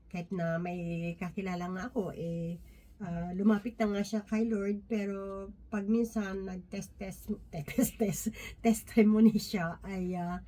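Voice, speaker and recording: A woman sharing a Bible reflection in an informal devotional talk, often checking in with her listeners through tag questions and pausing with fillers and restarts. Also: mid-range voice, little pitch movement, warm tone. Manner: halting, many restarts and fillers.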